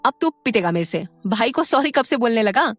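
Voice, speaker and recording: A woman's voice: fairly high pitch, lively intonation, fairly quick, no echo, soft background music. A woman voicing a bossy, joking young male student in an audio story, bantering with his friends.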